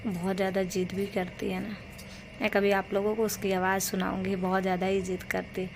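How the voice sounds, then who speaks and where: Young woman home vlogger, roughened voice, rambling chatty delivery, fairly level pitch, faint background hiss. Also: monotone, fairly quick. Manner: rambling, chatty storytelling of chores. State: voice worn rough. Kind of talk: casual daily-life vlog narration.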